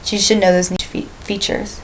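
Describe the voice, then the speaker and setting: A woman lecturing her biology class at a mid-range pitch. She explains step by step and keeps turning to the students with questions, reminding them of what they covered before. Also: little pitch movement, normal speed, slight background noise, rough recording.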